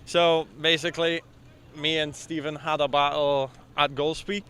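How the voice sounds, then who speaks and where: Bright-voiced man from Poland. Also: on the high side, unhurried, smooth. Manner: relaxed, hesitant, many "uh"s. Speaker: drift driver. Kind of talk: casual interview answers. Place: outdoors at a drift event.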